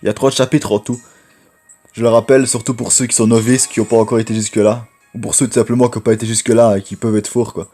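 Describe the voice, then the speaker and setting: A man with a low voice giving rambling, chatty gameplay commentary and talking to viewers as friends. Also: flat delivery, fast, dark tone, faint music behind. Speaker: gaming YouTuber.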